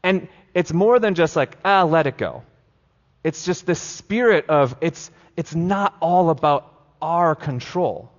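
A man, a pastor, giving a conversational sermon in a loose, casual way, full of fillers like "like" and quick restarts. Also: fairly high pitch. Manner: casual, filler-heavy preaching with frequent "like" and restarts. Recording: dull lo-fi sound with long hall reverb.

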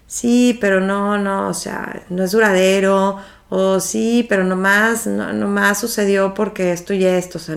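Mexican woman, reflective motivational talk, conversational, checks in with listeners. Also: medium pitch.

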